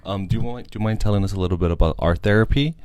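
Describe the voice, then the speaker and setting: A man with a very deep voice hosts a podcast interview, rattling along at a quick clip. He comes across eager and enthusiastic. The sound is dry and close, with no room around it. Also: darkish tone, smooth, no room sound. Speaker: podcast host. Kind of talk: casual interview.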